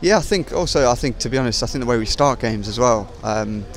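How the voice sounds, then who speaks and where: A young man in his twenties, a footballer, answering post-match questions outdoors into a handheld mic, halting with many fillers. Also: medium pitch, expressive. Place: outdoors at a stadium car park.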